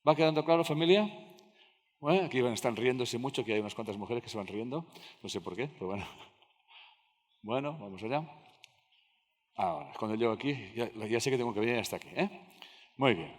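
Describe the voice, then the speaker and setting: A man's voice: mid-range voice, fairly quick, pauses often. Man lecturing in a reverberant hall. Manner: talks with the audience, acts out dialogues, asks "¿me siguen?" often. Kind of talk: live lecture to an audience. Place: large lecture hall with audience.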